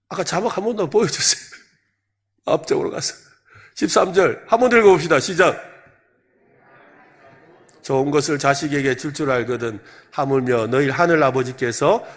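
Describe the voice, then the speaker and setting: A man's voice: on the high side, fairly bright tone. A man with a Gyeongsang Korean accent preaching a sermon as senior pastor at a church service, quizzing the congregation with repeated questions.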